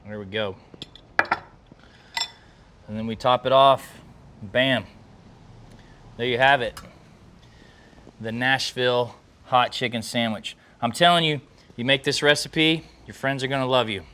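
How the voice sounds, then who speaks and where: Hosting his cooking video, a man speaks at medium pitch in a sharp tone, taking things slowly and pausing often. He's still folksy and enthusiastic, talking casually to the viewers through the camera.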